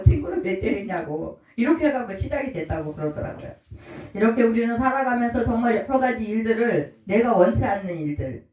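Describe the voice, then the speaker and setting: A woman's voice: a little high, a little mellow. Woman preaching, echoey from afar. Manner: homely, quizzes the congregation, call-and-response. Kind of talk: sermon. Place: church service room. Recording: roomy echo, mic from far off.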